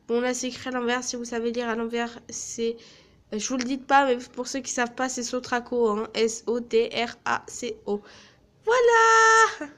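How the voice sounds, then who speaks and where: A teenage girl's voice, on the high side and fairly bright, moves at a moderate pace through this casual vlog. She walks through her small-office work placement, joking crudely and swearing a lot.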